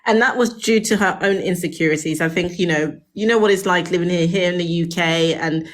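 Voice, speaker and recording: A woman's voice: fairly low pitch, brisk. Chatty British woman on a live stream. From England. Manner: chatty, laughs often, emphatic. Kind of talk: casual live chat. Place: home in Cornwall.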